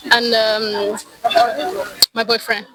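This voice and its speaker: A woman's voice: a little high, little pitch movement, slow pace, over a noisy crowd, rough recording. A young woman, a student, answering an interview question in a giggly, hesitant way. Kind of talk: casual chat.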